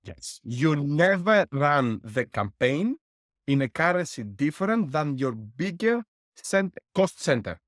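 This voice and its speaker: In his interview answers, a middle-aged Greek board game publisher speaks slowly in a fairly high, sing-song voice. He lays out costs step by step, working through numbers and lessons and laughing wryly. The recording is dry and close-miked.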